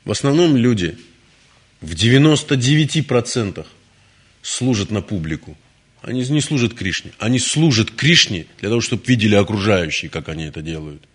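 A man's voice: lowish voice, expressive, a little fast, husky. A man giving a devotional lecture in a conversational, storytelling manner, often restarting his words. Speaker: spiritual lecturer.

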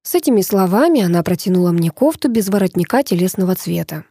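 A woman's voice: fairly low pitch, lively intonation, quick pace, warm tone, breathy edge, no echo. A woman narrating a first-person audiobook in a dry, ironic manner.

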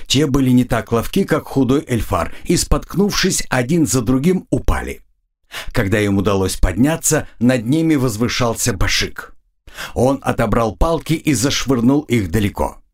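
A man narrating an audiobook in an expressive storytelling manner. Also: medium pitch, normal speed. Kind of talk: scripted narration.

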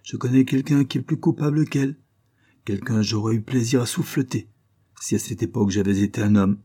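A man's voice: medium pitch, fairly quick, mellow, breathy edge, voice pushed up, lightly acted. A man voicing an earnest, passionate young viscount who defies his mother in a storybook reading. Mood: defiant. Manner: spirited, defiant, heartfelt.

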